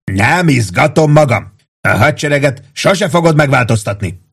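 A man voicing a touchy male army sergeant who keeps shouting in a raised, indignant voice. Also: lowish voice, husky. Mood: shouting angrily.

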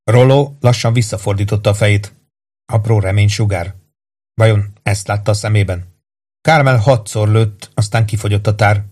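A man reading a crime thriller audiobook in a steady, even narrating voice. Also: lowish voice. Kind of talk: scripted narration.

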